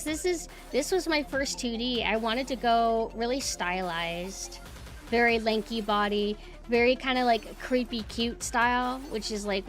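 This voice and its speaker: A woman streamer hosting a casual live-stream chat, talking informally and thinking aloud as she goes. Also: medium pitch. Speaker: streamer, VTuber host. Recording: music behind the voice. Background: background music.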